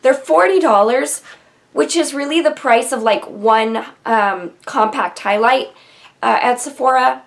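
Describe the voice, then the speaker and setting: A young beauty vlogger with a high, slightly slow voice and some vocal fry chats casually to the camera about makeup from her bedroom, where a vanity and shelves stand. A cold makes her sound nasal, and she's chatty and enthusiastic, dropping plenty of ums as she reviews products.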